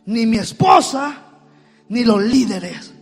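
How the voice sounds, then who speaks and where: A man with a very high voice delivers a fiery sermon as pastor. He drifts between hushed, conversational storytelling and sudden shouted declarations, with soft music playing faintly behind him. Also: lively intonation, slow, gravelly, breathy edge. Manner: impassioned preaching that swings from soft storytelling to shouts. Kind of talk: fiery Pentecostal-style sermon.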